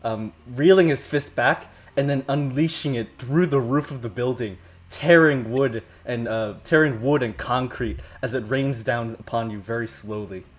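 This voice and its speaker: A man as game master, improvising narration for a tabletop game in a halting way, often repeating words. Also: mid-range voice.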